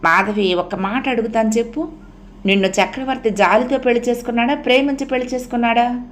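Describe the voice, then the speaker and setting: A woman voicing a troubled young wife who is tearful, defiant and quick to burst out in anger, read in an audiobook novel. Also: fairly high pitch, voice pushed up, close to an everyday voice. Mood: bitter, intense. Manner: emotional, bursts out angrily.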